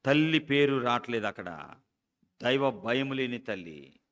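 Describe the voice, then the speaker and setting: A middle-aged man preaching a sermon as pastor, with sudden loud outbursts and slow, stressed repetitions. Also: medium pitch, very animated. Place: church hall. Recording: long church hall reverb.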